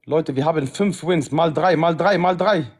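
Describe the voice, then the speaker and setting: A man's voice: on the high side, moderate pace, breathy edge. A man in his thirties bantering on a livestream, slangy and repetitive, calling out to viewers. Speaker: livestream host. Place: indoors, living room. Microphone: phone at arm's length.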